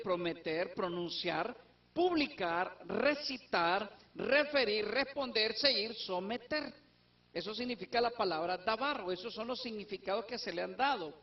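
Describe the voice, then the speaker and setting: Man, Bible teacher, explanatory, rhetorical questions, dull lo-fi sound. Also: extremely high pitch. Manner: explanatory, asks and answers his own questions. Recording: distant, dull lo-fi recording.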